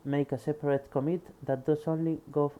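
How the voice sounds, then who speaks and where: This Spanish-accented man from Spain speaks a little fast in a flat, rather high voice, reading a programming book aloud during a casual screen recording. After each passage he quietly muses to himself while trying things out.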